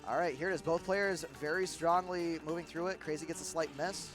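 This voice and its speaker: A young man with a heavy Midwestern accent calls live play-by-play at a rhythm game tournament, speaking in a steady, brisk tone. His voice is slightly high for a man, and he rambles, using fillers and restarting sentences. Loud guitar music from the game plays beneath him.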